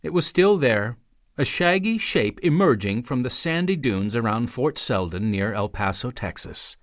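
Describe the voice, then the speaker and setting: Lively male audiobook narrator. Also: medium pitch, no echo, studio quality. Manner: measured storytelling, dramatic pauses. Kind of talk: scripted narration.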